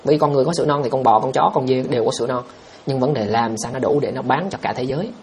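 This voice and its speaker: A man's voice: medium pitch, quick pace, crowd noise. A man, hosting a livestream and answering viewer questions in a blunt, scoffing way. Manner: blunt, scoffing, reads out viewer comments and answers them directly. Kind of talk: casual livestream chat.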